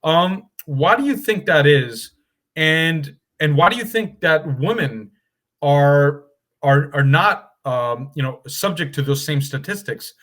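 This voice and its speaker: A man hosting an online session, asking questions in a halting way with many fillers. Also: a little high, animated, a bit bright. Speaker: event host.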